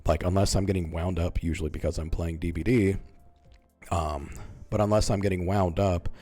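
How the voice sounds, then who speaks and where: A young man giving casual gameplay commentary in a monotone, relaxed way, speaking close into a microphone while leaning back at home. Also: deep voice, moderate pace, faint music behind. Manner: self-described monotone, relaxed and mumbling. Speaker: gaming YouTuber. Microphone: close microphone in front of mouth.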